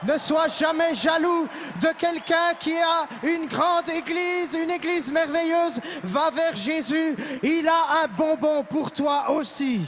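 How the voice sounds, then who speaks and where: Guy interpreting a sermon, really high voice, echoes the preacher's energy, roomy hall. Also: slow pace, few pauses, faint music behind. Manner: echoes the preacher's energy, shouting along with him.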